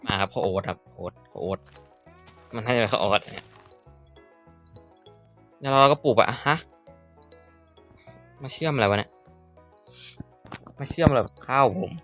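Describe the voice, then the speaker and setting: A man's voice: medium pitch, animated, moderate pace, long pauses, fairly bright tone, faint music behind. A young man chatting casually as he plays, joking at himself and blurting out sudden exclamations. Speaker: gaming YouTuber. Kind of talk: casual Minecraft let's-play commentary.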